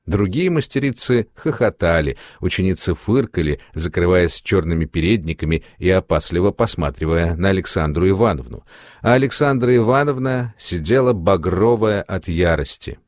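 A man narrating a classic short story in a measured, expressive reading style. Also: sits low, no room sound. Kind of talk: literary audiobook reading.

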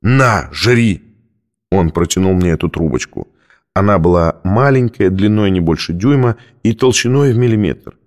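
A man calmly narrating a first-person novel as an audiobook. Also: deep voice, moderate pace.

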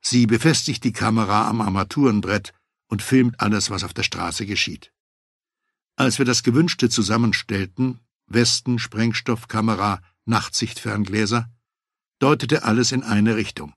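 A man with a low, slightly husky voice reads a first-person memoir as an audiobook. He tells it in a measured, matter-of-fact way. The recording is dry and close, with no room sound. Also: a bit bright, dry recording. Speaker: audiobook narrator.

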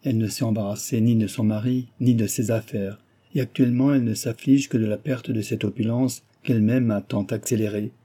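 A bitter, ruined gentleman in an audiobook, proud and agitated, his speech pushed up high and loud with resentment, as a male narrator puts him on. The voice is dark and husky underneath. He hammers each phrase with vehemence. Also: steady tone, brisk. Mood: indignant. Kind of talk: audiobook character reading.

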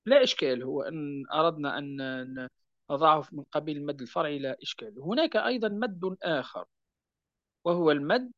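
A man teaching a lesson on Quran recitation rules, patiently repeating key points and slowing down to recite verse examples. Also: a little high, lively intonation, a bit bright, no echo, dull audio. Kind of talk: explanatory lesson on tajweed.

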